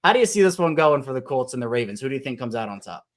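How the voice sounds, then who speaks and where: A man's voice: mid-range voice, very animated, very fast. A man hosting a sports podcast, chatting casually about football and thinking aloud with frequent restarts. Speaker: podcast host. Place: Baltimore.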